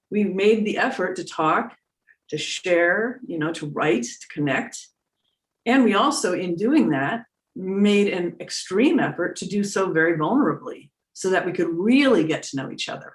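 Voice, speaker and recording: Middle-aged female spiritual teacher, informal and emphatic, medium pitch, echoey internet-call sound. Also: expressive, normal speed. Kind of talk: casual, conversational spiritual talk. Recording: echoey room, distant mic on internet call.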